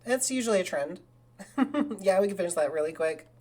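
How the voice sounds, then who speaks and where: A woman streaming a game live, chatting casually in a rambling way and breaking into excited cheers. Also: lowish voice, brisk. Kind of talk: casual live gaming commentary.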